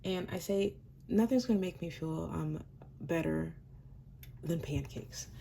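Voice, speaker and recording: This home cooking show host speaks in a lowish, mellow, creaky voice, a little slowly, over a faint hiss or hum. She's a bit under the weather, her illness audible, yet she stays chatty and self-deprecating while demonstrating a dish in her home kitchen.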